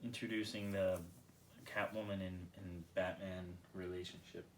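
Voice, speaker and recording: A young man co-hosting a casual chat, curious and full of quick questions and reactions. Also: sits low, level tone, a little hiss or hum. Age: young adult. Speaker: co-host asking questions.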